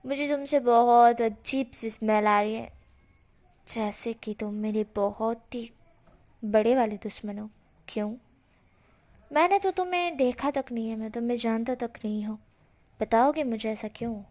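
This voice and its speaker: A woman's voice: on the high side, measured pace, a little mellow, natural voice. A woman doing a wary young man.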